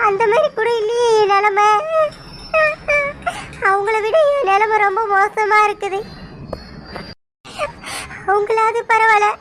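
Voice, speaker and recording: A wronged young pregnant wife in a cartoon, voiced by a woman, with a very high, thin voice that keeps breaking into sobs. Background music plays under her throughout. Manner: sobbing, lamenting. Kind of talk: cartoon voice acting.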